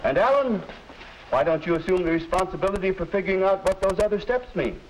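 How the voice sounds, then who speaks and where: A man acting as a middle-aged schoolteacher in a 1950s educational film, speaking like a narrator of that era in a measured, didactic way. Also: high voice, lightly acted. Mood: encouraging. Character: kindly, instructive male schoolteacher in a 1950s film. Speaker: teacher advising a student. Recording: hissy old 1950s film soundtrack.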